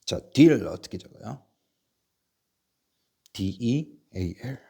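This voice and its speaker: A male English teacher running a patient spelling drill, spelling words out slowly letter by letter and coughing now and then from a sore chest. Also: mid-range voice, lively intonation, creaky, dark tone, husky. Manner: patient, repetitive, asks and answers himself. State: coughing, bronchial trouble. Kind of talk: slow spelling drill lesson.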